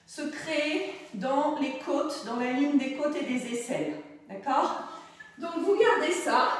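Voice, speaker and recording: Upbeat woman coaching pilates, echoey room. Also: sits high. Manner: upbeat, coaxing, repeating cues. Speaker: pilates instructor. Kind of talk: guided workout instruction. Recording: very echoey room, far from the mic.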